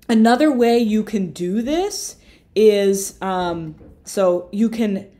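Recorded on a webcam in a small room, a young marketing tutor with a mid-range voice explains software over screen share. Her manner is relaxed and explanatory, with fillers and self-corrections along the way.

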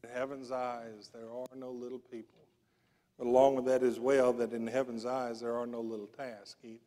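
A man's voice: medium pitch, little pitch movement, normal speed, mellow. A middle-aged man preaching a sermon from a pulpit mic in a large church sanctuary, in an earnest, emphatic way. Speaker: pastor. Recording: long church reverb.

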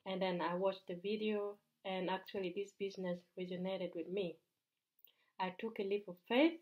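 A woman in her thirties from Uganda with a Ugandan accent, earnestly pitching a home business straight to camera with small slips and restarts. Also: dull audio. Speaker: business mentor. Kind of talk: direct-to-camera sales pitch. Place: bright indoor room.

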